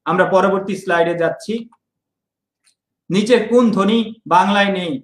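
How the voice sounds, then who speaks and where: A man's voice: high-pitched, normal speed, roomy sound, poor audio. A young man from Bangladesh, teaching an online exam-prep lesson and repeating key points.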